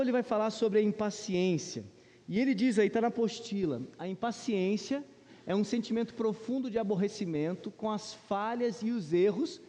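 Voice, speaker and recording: Speaking to his congregation in a big church room, this Sunday school teacher with a Brazilian accent has a warm voice that sits high. His Bible lesson feels casual and chatty, full of questions and rhetorical tags aimed at the listeners. Long echoes ring through the reverberant hall.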